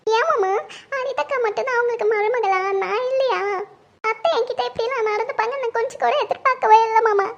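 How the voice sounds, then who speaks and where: A woman's voice: very high voice, fairly quick. A woman playing a young wife who pleads tearfully with her husband about her mother-in-law. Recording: dull lo-fi recording.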